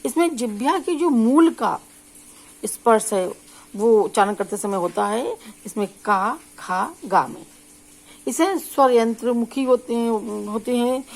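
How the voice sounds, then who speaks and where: A woman teacher explaining speech sounds in a lecture, drawing out sample syllables slowly and often checking in with listeners. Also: on the high side, rough recording. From India. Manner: slow, drawn-out sample syllables with frequent check-ins. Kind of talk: spoken lecture on phonetics.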